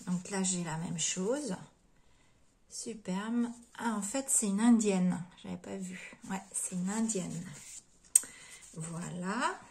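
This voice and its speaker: A woman craft vlogger in an unhurried show-and-tell chat, speaking at a leisurely pace. She gushes over each item, repeats her praise and often sinks into soft whispers. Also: mid-range voice.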